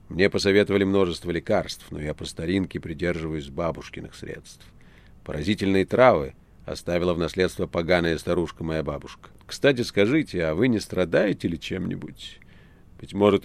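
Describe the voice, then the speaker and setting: Woland, a man doing a deep commanding devil. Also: creaky. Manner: commanding, measured, drawling. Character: imperious ancient male devil, the master.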